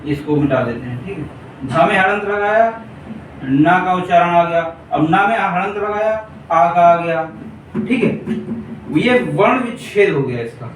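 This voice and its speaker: A man teaching a Hindi grammar class for exam preparation, repeating points and checking in with his students often. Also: sits high. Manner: repetitive, keeps checking in with the class. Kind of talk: exam-prep grammar lesson at a board. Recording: echoey room, distant mic, faint hiss.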